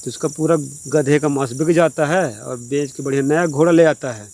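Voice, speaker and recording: A man's voice: a little high, a little fast, a little mellow. A man telling a comic village folk tale in a plain, rambling, repetitive way. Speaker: storyteller. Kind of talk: casual oral folk storytelling.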